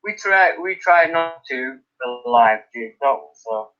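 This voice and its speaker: A man hosting a live stream from his attic, telling animated stories, laughing and swearing freely in casual chat. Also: medium pitch, unhurried. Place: indoors by an open attic window. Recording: dull lo-fi stream audio.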